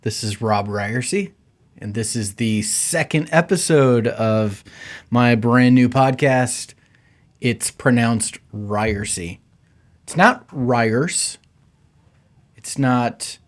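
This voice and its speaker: Casual pastor hosting a podcast. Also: male voice, mid-range voice. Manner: many "uh" fillers, relaxed conversational delivery.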